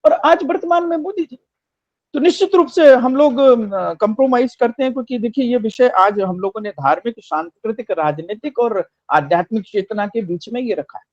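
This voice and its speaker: A man with a high voice delivers fervent political commentary, hammering his points with repeated phrases. He sounds close and dry, with no room echo. The sound is a little dull and muffled. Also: animated, moderate pace, a little mellow. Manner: rhetorical, emphatic, repeats phrases for effect.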